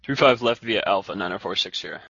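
A man's voice: lowish voice, expressive, fast talker, vocal fry, bright, forceful tone. A man speaking as a pilot, making short procedural radio calls. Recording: dull lo-fi radio audio.

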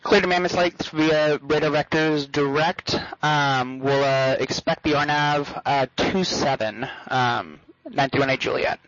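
A man speaking as a private pilot, giving somewhat halting readbacks over radio. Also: a little high, fairly even intonation, fairly bright tone. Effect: radio transmission. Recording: dull band-limited radio audio.

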